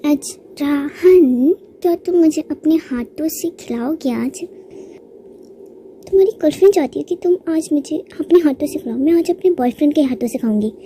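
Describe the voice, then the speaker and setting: A woman's voice: sits high, normal speed, mellow, a little hiss or hum, lightly acted. A woman voicing a lovestruck young heroine who pleads and coaxes affectionately in a manga recap. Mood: sweet, coaxing.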